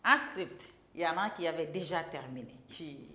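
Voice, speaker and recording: A woman's voice: deep voice, expressive, brisk, bright, forceful tone. A woman teaching a primary class, drawing out and repeating words for young pupils. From Senegal. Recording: echoey classroom.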